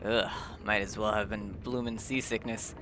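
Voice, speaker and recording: A man voicing a talkative old male ship merchant, gruff and rambling. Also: fairly low pitch, little pitch movement, normal speed, background noise, lightly acted. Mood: chatty. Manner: gruff and rambling, drops dialect words.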